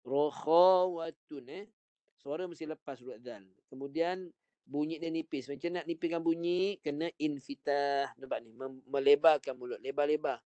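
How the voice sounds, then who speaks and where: A man's voice: fairly high pitch, steady tone, normal speed, mellow, no room sound, muffled recording. Malaysian man teaching recitation, dry sound. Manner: patient, repeats short drills and corrections. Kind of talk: online recitation lesson. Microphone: video call.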